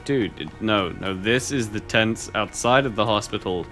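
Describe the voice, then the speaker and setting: A man's voice: on the low side, moderate pace, a bit bright, soft background music. A young man casually commenting while he plays a game on stream, wry and rambling, often muttering to himself. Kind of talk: casual let's-play commentary.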